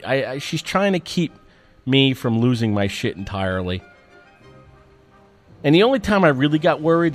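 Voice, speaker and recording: A man telling a personal story as a monologue, in an animated, profane and self-mocking way. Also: fairly low pitch.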